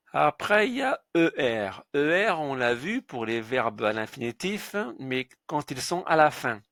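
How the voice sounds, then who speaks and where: A man teaching French pronunciation in a slow instructional lesson, patiently spelling out sounds letter by letter. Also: mid-range voice, vocal fry, fairly bright tone, dry recording, studio quality.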